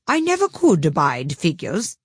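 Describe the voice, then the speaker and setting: A woman voicing a rude, bossy old Duchess in a hoarse growl, slow and blunt. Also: on the low side, huge pitch swings, no room sound, clean studio sound, full character voice. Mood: scornful.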